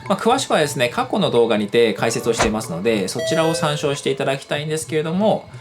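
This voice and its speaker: A man's voice: mid-range voice, big pitch swings, fast talker. A man hosting a guitar lesson, explaining politely in a scripted way with casual fillers. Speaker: jazz guitar teacher. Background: guitar music.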